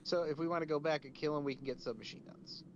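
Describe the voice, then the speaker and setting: A man's voice: a little high, steady tone, highs cut off, a little hiss or hum. Casual man reading game notes. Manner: reads game text aloud, halting. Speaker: game streamer. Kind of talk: casual chat while playing.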